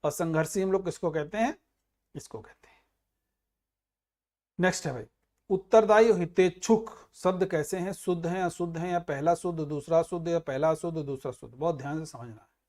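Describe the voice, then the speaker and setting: A male teacher running an exam prep grammar lesson, explaining each answer with everyday examples and dropping low and quiet on the answers. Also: steady tone, brisk. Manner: explains with everyday examples, calls students "bhai".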